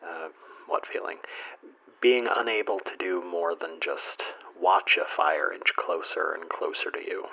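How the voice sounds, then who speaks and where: A man's voice: deep voice, measured pace, gravelly, exaggerated voice. A man playing a nervous, lonely fire watcher calling a radio station in an audio drama, stammering, hesitant and self-deprecating. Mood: hesitant, wistful. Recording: dull lo-fi radio call.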